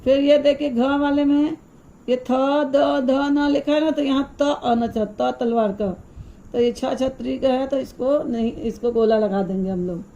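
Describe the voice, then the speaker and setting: A woman teaching a primary school lesson, explaining slowly and answering her own questions as she goes. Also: sits high, steady tone, warm tone, lo-fi sound. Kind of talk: recorded classroom lesson.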